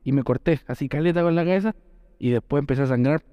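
A man with a Chilean accent, co-hosting a podcast and telling school stories in a casual, slangy, animated way. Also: on the high side, fast, clear, resonant tone, no echo, dull audio. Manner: slangy, animated, self-mocking storyteller. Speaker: podcast co-host. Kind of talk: casual storytelling chat.

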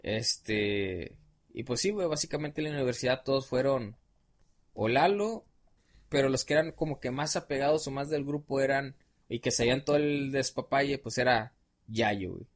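A man's voice: medium pitch, moderate pace. A young adult man with a Mexican accent, a podcast guest telling stories in a casual, rambling, slang-heavy way with many fillers. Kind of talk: casual storytelling chat.

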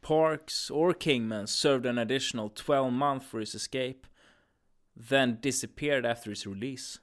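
A man's voice: mid-range voice, measured pace, natural voice. A man playing a firm, businesslike commander of a time-travel agency in an audio drama.

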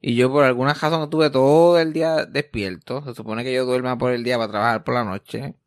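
A man's voice: medium pitch, fairly even intonation, brisk, no room sound. Sleepy Puerto Rican man hosting a podcast. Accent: Puerto Rican Spanish. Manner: tired, rambling, self-mocking. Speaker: podcast host. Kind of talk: casual podcast chat.

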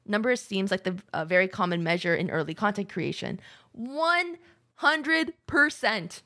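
A woman's voice: on the low side, fairly even intonation, quick pace, fairly bright tone. Chatty woman saying "like" a lot. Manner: chatty, heavy use of "like", laughs often. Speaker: streamer co-host. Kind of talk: casual chat.

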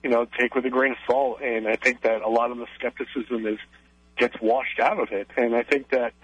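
A man's voice: mid-range voice, steady tone, fairly quick, breathy edge, no room sound. A man calling in to a radio show over the phone, chatting casually and hesitating with many fillers. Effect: phone call into a radio show. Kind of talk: casual on-air chat. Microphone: telephone. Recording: dull dry phone line.

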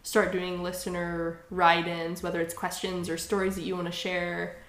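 A woman's voice: fairly low pitch, monotone, normal speed, fairly bright tone. A woman hosting a podcast in casual chat, talking freely and laughing often. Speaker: podcast host. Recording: roomy echoey room.

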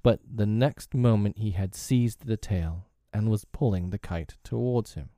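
Low, mellow man reading a storybook. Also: no room sound, clean studio sound. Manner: gentle, measured reading. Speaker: narrator. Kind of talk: storybook narration.

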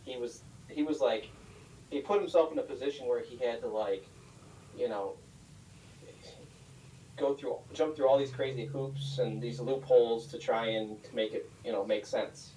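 A man's voice: medium pitch, normal speed, warm tone. A man on a podcast, talking hesitantly and searching for his words. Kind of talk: casual chat. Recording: distant roomy mic with faint hiss.

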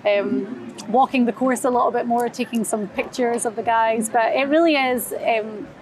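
Female sports show host, slightly high pitch, conversational presenting. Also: fairly even intonation, moderate pace, rough recording.

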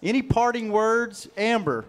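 A man's voice: sits high, lively intonation, measured pace. A man hosting a live sports panel show, upbeat and friendly as he hands off to his guests. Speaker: show host.

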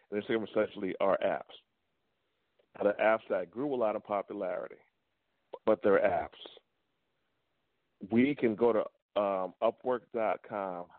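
A deep-voiced man heard over the phone, his voice thin, tinny and dry. He speaks as a caller on a talk show, laying out his view deliberately and repeating key points to drive them home. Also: no room sound. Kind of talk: call-in opinion on a talk show.

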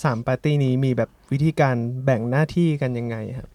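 A man's voice: mid-range voice, quick pace, a little mellow. A man hosting a casual talk show, asking the guests curious, polite questions. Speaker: podcast host. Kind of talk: interviewing guests.

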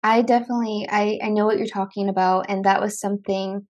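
A podcast host with a mid-range voice and little pitch movement talks fast, and the highs are cut off. Her casual conversation is chatty and loaded with fillers, especially "like."

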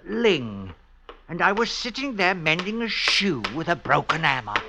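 A man's voice: high voice, sing-song, a little slow, vocal fry, background noise, heavily acted. An actor playing a sly, cunning male prisoner in a 1950s radio drama, with whispered asides and cackles. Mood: earnest.

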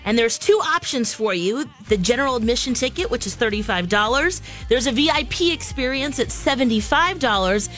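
A woman's voice: fairly high pitch, animated, fairly quick, few pauses, a bit bright, faint music behind. A woman co-hosting a radio show with casual banter in a studio.

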